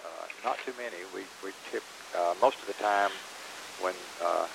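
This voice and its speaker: A man with a Southern US accent, answering interview questions in a halting way, repeating words and using many fillers. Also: low-pitched, gravelly, noisy background. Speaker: interviewee, round dance teacher. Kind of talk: casual interview.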